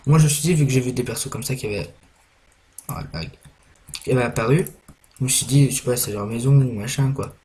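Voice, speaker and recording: A man's voice: mid-range voice, fairly quick, pauses often, darkish tone. A young man giving casual gameplay commentary, rambling and hesitant with many fillers and restarts. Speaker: gaming YouTuber.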